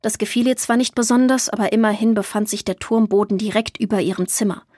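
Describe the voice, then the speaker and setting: A woman narrating a children's storybook in a calm, clear storytelling manner. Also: medium pitch, fast talker, no room sound, studio quality. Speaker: audiobook reader.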